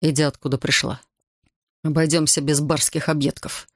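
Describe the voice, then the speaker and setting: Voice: medium pitch, flat delivery, normal speed, no room sound, clean studio sound, close to an everyday voice. An audiobook reader voicing a sullen young fisherman who answers curtly and stubbornly. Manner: curt, stubborn.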